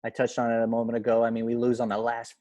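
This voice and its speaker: A man's voice: medium pitch, rapid-fire, no echo. A man hosting a sports podcast, chatting casually with an old teammate and laughing along. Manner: relaxed, chummy, laughs along. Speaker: podcast host, former teammate.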